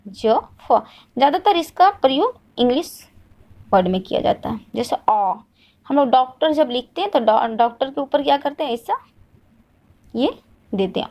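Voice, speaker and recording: Woman, teacher, fairly high voice, asks and answers herself, repetitive drilling lesson. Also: darkish tone. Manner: asks questions and answers them herself, repeats each point. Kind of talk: classroom lesson.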